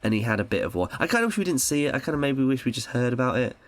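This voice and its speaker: A man from England co-hosting a film podcast, chatting casually and jumping into high mocking voices when he quotes people. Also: very animated, racing. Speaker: podcast co-host.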